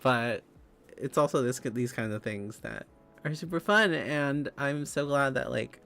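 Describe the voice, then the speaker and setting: A man's voice: mid-range voice, animated, unhurried, gravelly, bright, forceful tone. A young man streaming live, chatting casually with viewers, giggling often and rambling through restarts.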